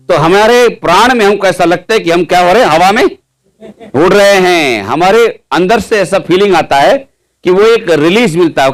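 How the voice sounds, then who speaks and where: A male preacher telling his testimony in a sermon, keeping the audience involved with frequent questions. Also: sits high. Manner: lively storytelling, quizzing the audience with questions.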